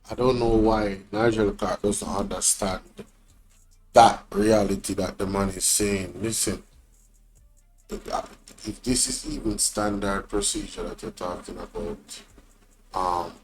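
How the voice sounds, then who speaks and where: A man hosting a livestream, giving informal, deliberate, opinionated commentary. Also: lowish voice, big pitch swings, rough recording. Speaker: livestream host. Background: loud music.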